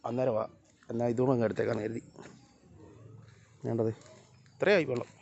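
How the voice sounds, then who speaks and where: On a muffled recording, a man talks a little fast in a steady, gravelly, slightly mellow medium-pitched voice. He's filming a casual vlog while walking beside flooded fields, chatting to viewers and calling his dog and cats to follow.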